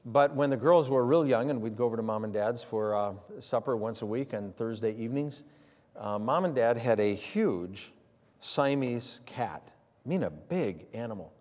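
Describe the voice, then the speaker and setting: A man's voice: medium pitch, expressive, moderate pace, a little mellow. An older man, preaching a sermon in a folksy storytelling way. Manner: folksy storytelling with many fillers. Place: church sanctuary. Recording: long hall reverb in a church.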